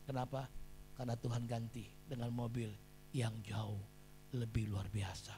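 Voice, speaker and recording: A middle-aged male pastor preaching a sermon, dropping to quiet confiding tones and rising to loud shouted exhortation. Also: mid-range voice, steady tone, normal speed, noisy background.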